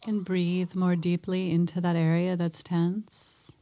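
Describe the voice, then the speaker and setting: Slow, soft-spoken woman guiding meditation. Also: fairly low pitch, flat delivery. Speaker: meditation teacher. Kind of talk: guided mindfulness meditation.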